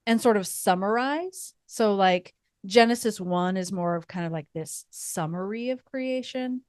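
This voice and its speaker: A woman co-hosting a faith podcast, talking in a thoughtful, meandering way with fillers and soft laughs. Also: medium pitch, unhurried, smooth, no echo, studio quality. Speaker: podcast co-host. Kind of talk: casual faith podcast chat.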